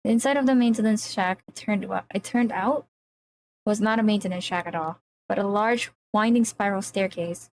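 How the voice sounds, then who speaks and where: A woman's voice: mid-range voice, moderate pace, slight background noise, low-quality recording. A woman streamer reading a visual novel aloud on a live stream, in a dramatic storytelling way that acts out the characters' lines, into a desk microphone.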